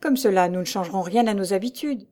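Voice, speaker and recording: A woman's voice: medium pitch, fast, warm tone, natural voice. A woman reading the lines of a scheming, falsely charming man in an audiobook, with a courteous, coaxing manner. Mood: smooth. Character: scheming middle-aged man, smooth and false.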